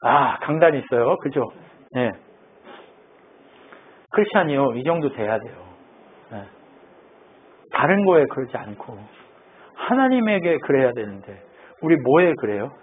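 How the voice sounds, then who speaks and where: A man's voice: medium pitch, sing-song, a little slow, pauses often, a little hiss or hum. A man preaching a sermon as pastor in a conversational style, often putting questions to the congregation, in a tinny phone-like recording.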